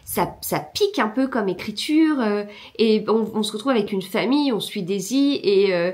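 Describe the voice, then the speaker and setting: A woman talking casually to her viewers about books. She hesitates constantly, full of fillers and half-started sentences. Now and then she sinks into a soft mutter as she searches through a book. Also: mid-range voice, lively intonation, moderate pace. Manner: hesitant, many fillers and restarts. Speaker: book vlogger. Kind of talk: casual chat.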